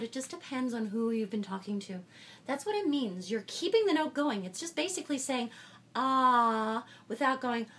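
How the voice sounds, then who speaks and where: A middle-aged woman singing teacher giving a frank, jokey vocal lesson and singing short vowel exercises between her explanations. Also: a little high. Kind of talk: casual vocal lesson with sung demonstrations. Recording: slightly distant mic with faint room noise.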